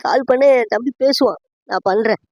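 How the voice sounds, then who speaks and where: A woman's voice: on the high side, normal speed, a little mellow, no room sound, dull audio, natural voice. A woman voicing a crying mother in a cartoon family skit, plaintive and sobbing as she grieves over her brother. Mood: tearful. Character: tearful mother missing her estranged brother.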